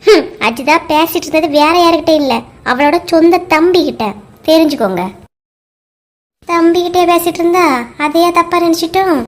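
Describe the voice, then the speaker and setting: A woman voicing a blunt, sharp-tongued village woman in a cartoon, with a Kanyakumari Tamil accent and blunt, scolding retorts. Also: extremely high pitch, moderate pace. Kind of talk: cartoon voice acting.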